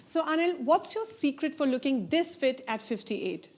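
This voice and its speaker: A woman hosting a TV interview, upbeat and quick to laugh. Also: high-pitched, lively intonation. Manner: bright, upbeat, laughs often. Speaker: talk-show host.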